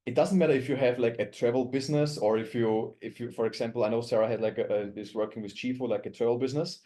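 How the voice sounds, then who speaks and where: Austrian-born man coaching in a relaxed voice. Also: medium pitch, fast. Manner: chatty, repeats and restarts phrases, acts out quoted dialogue. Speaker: network marketing coach. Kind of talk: coaching talk in a group call.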